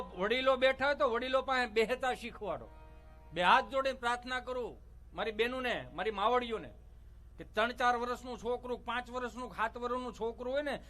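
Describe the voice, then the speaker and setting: A man's voice: very high-pitched, bright, forceful tone. A middle-aged male stand-up comedian, telling folksy, teasing jokes to a live audience with preachy asides. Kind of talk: Gujarati stage comedy monologue. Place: stage before a live audience.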